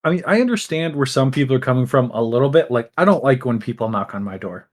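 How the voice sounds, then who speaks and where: A young man with a mid-pitched voice talks bluntly on a podcast. He curses freely and mimics other people's voices while telling a story. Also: animated, fast talker. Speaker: podcast co-host. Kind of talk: casual chat.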